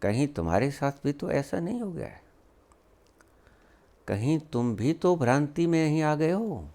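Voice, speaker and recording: A man delivers a spiritual discourse slowly, with long pauses between words. His pitch swings widely as he fires off rhetorical questions and scolds emphatically. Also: very animated, mellow. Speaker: spiritual teacher.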